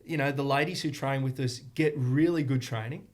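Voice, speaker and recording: A man's voice: medium pitch, fairly even intonation, fairly quick. Earnest man explaining at length. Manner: earnest, talks in long flowing explanations. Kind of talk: casual podcast interview.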